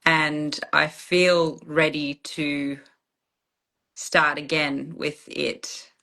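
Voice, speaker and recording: Bright-voiced woman, slow and reflective. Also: deep voice, little pitch movement, creaky. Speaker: client in a channeling session. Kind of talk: personal, reflective conversation.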